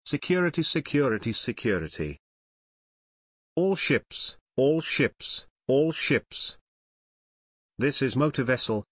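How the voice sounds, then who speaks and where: A man broadcasts a marine radio safety call in loud, measured radio procedure, repeating each phrase three times. His pitch swings widely between phrases, and his delivery is slow and deliberate. The sound is dry and close. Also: dry recording. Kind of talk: radio procedure call, spelled-out call sign and numbers.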